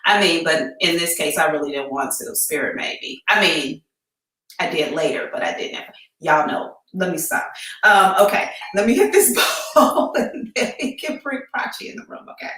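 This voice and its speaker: Echoing empty room, American woman, bright voice, slangy casual live-stream chat, candid psychic host. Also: on the low side, animated, normal speed. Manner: chatty, informal and candid, with slangy phrasing. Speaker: psychic reader hosting a live advice show. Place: emptied-out room indoors. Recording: echoey empty room, distant mic.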